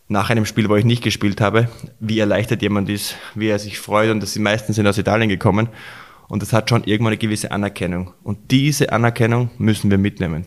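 A hoarse man, hosting a sports recap podcast and talking in a rushed, emotional way. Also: fairly low pitch. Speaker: podcast host.

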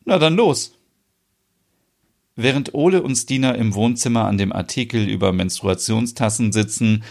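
A man narrating a story aloud in a plain, steady storytelling manner. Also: on the low side, a little fast, vocal fry. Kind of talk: storybook reading.

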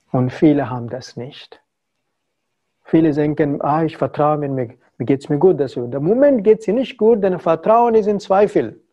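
A man's voice: fairly high pitch, dark tone, highs cut off. A man from India, a spiritual teacher giving a talk to followers in broken German with English phrases mixed in. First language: not German.

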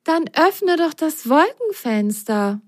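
A woman's voice: high-pitched, normal speed, no echo, studio quality, pitched above the performer's own voice, close to an everyday voice. A woman voicing a cheerful, playful young female sock in a children's story reading.

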